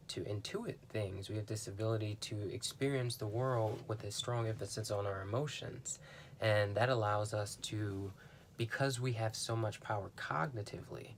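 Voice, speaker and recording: Young man, lowish voice, musing aloud with lots of ums, faint noise behind. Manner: rambling, thoughtful, many fillers and restarts. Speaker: podcast host. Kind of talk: casual explanatory monologue.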